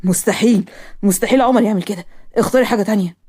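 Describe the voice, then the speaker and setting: A woman with an Egyptian accent voicing a polite, wealthy young man who speaks softly and earnestly. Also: medium pitch, rapid-fire, slightly rough, pitched below the performer's own voice, close to an everyday voice. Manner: courteous, soft, earnest. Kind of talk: cartoon story voice acting.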